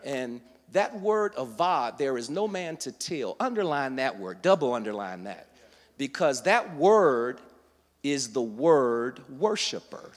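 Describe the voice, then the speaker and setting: A man preaching a sermon, teaching verse by verse and building to loud, emphatic passages. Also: medium pitch, very animated, slow pace, in a large hall. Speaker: guest preacher. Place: church sanctuary.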